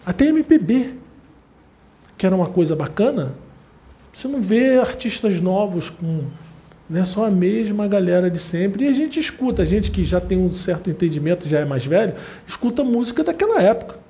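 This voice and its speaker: High-voiced Brazilian man, casual talk. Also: normal speed. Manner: chatty, repetitive, animated asides. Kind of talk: casual spoken talk to an audience.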